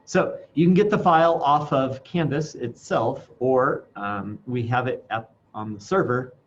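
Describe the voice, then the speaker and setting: A man teaching an informal classroom software demonstration, speaking haltingly through a face mask and thinking aloud as he goes. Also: medium pitch. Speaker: instructor. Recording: dull lo-fi sound, faint background noise.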